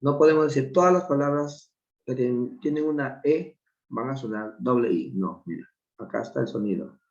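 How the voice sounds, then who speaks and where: A man teaching an online English class, explaining slowly and patiently with repeated examples. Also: mid-range voice, echoey room, highs cut off. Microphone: video call.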